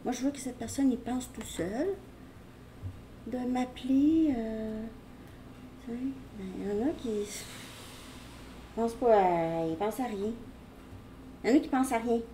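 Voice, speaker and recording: A woman's voice: a little high, a little slow, long pauses, dark tone, a little hiss or hum. A woman giving a casual tarot reading, rambling as she talks straight to the viewer. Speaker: tarot reader.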